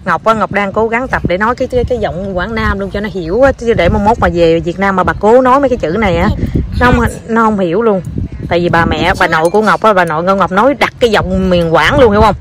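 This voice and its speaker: A woman's voice: mid-range voice, quick pace, noisy background. Young woman, southern Vietnamese accent, chatty mom vlogging with her kid, coaxing and cheering. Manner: chatty, coaxing and cheering a small child, mixing in English words. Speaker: mother filming her child. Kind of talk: casual family vlog chat.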